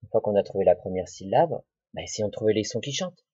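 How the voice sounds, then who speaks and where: A man, a primary school teacher giving a recorded spelling lesson to children, slowly sounding out words syllable by syllable with patient dictation. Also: on the low side, lively intonation, mellow, slightly rough, dry recording, highs cut off.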